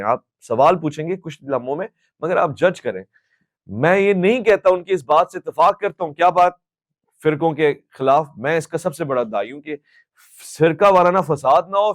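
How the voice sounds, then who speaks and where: Impassioned high-voiced male host. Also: no echo. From Pakistan. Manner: impassioned, scolding, switches into English phrases. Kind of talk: public Q&A answer.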